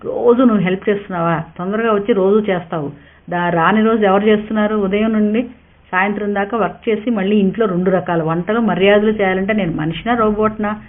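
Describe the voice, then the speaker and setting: A woman's voice: medium pitch, steady tone, fast talker, natural voice. A woman voicing a proud young working wife who argues in a heated, defiant way. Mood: angry. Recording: tinny narrow-band sound.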